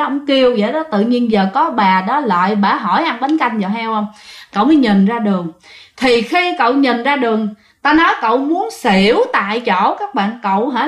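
A woman with a Southern Vietnamese accent narrating ghost stories in a chatty way, often addressing her listeners. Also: on the high side. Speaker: storyteller. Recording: echoey room.

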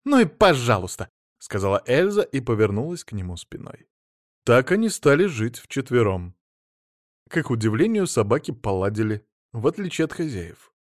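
A man reading a humorous story aloud in a wry, expressive way. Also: mid-range voice, moderate pace, no room sound, studio quality. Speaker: audiobook reader.

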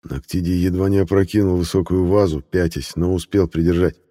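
A man narrating a fantasy audiobook in a steady, measured way. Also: low-pitched.

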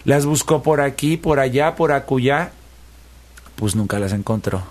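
A man telling a folk tale in a lively, playful way, building rhythm through repetition. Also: medium pitch, unhurried. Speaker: storyteller. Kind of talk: animated folk-tale storytelling.

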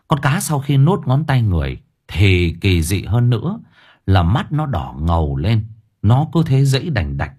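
A man's voice: lowish voice, warm tone, slightly rough. A man narrating an audiobook story dramatically.

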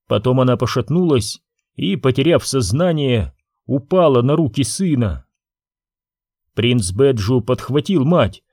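A man narrating a novel in an expressive, dramatic reading. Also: medium pitch, no echo, studio quality. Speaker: audiobook narrator. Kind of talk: scripted narration.

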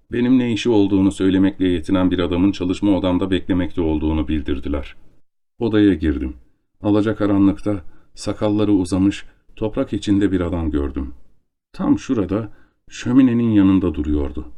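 A man voicing a middle-aged nobleman count, a former duelist, in a measured, somber tone. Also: low voice, warm tone, lightly acted.

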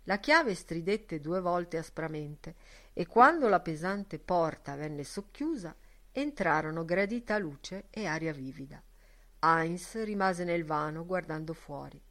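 A woman with a somewhat low voice reads a literary novel aloud. Her narration is measured and steady, the calm pace of a classic audiobook.

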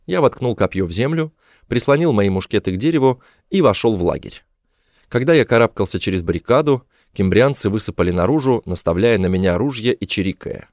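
A man reading an adventure novel aloud as a first-person audiobook narrator, measured and even. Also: lowish voice, no room sound, studio quality.

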